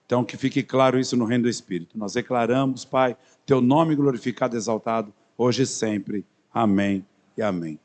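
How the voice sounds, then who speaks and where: Opening a sermon, a São Paulo man in his fifties tells his congregation who he is, joking around with lots of fillers and false starts. He speaks a little fast in a medium-pitched, darkish voice with a São Paulo Portuguese accent.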